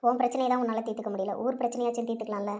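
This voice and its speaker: A woman's voice: on the high side, steady tone, rapid-fire, a little mellow, lightly acted. A woman voicing a young female friend who urges and persuades her friend. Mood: urging. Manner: urging, persuasive.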